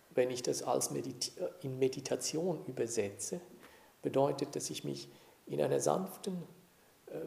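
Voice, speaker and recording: A man teaching meditation to a group, speaking in a calm, unhurried way and often checking that his listeners follow. His voice is gravelly and mellow. He is heard in an echoey room with a faint hiss underneath. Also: medium pitch. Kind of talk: dharma talk to a group.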